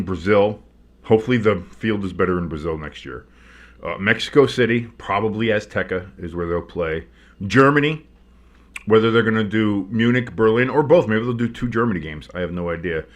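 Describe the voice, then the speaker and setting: A man with a tinny sound, recorded in a kitchen, hosting a stream with play-by-play commentary and casual, blunt, sardonic chat. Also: fairly low pitch. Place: kitchen, not a studio.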